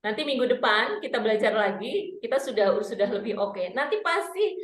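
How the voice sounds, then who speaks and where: A woman's voice: on the high side, expressive, moderate pace, echoey room. A woman public speaking coach teaching an online workshop, demonstrating vowel drills aloud.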